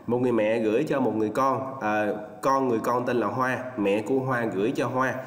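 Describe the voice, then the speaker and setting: A male teacher with a Vietnamese accent giving an online English lesson, drilling pronunciation and repeating words slowly for his students. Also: mid-range voice, steady tone. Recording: echoey room with long reverb.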